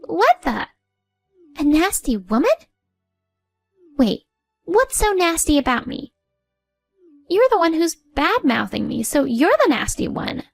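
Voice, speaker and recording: A woman putting on a shrill, indignant older mother-in-law. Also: very animated, takes it slowly, vocal fry, pauses often, no echo, soft background music, full character voice. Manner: indignant, whiny, high-pitched protests. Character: bossy older mother-in-law, defensive then pleading.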